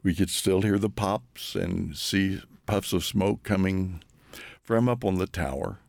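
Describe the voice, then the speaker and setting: Deep gravelly man describing a scene. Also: measured pace, a little mellow, dry recording. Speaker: eyewitness interviewee. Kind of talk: documentary interview.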